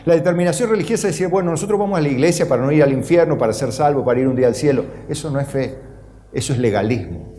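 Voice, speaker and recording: A man's voice: very fast, mellow. A middle-aged Argentine man preaching a sermon as pastor, acting out the voices of Bible figures. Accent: Argentine Spanish. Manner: acts out Bible figures' voices with rising pitch.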